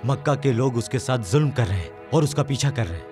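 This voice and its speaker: An actor dubbing an earnest young man who calmly explains news he has heard, in a dubbed film. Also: mid-range voice, brisk, music in the background, natural voice. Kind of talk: Urdu dubbed film acting.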